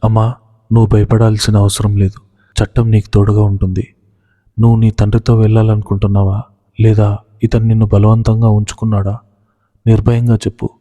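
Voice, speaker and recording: A man's voice: on the low side, monotone, brisk, long pauses, mellow, lightly acted. A man playing a harsh middle-aged police inspector who speaks curtly and officially. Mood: coaxing. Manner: curt, official. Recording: long hall reverb.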